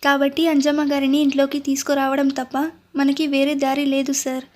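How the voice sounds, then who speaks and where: A woman's voice: sits high, completely flat delivery, fairly quick, a little mellow, close to an everyday voice. A woman voicing a deferential male assistant who speaks politely.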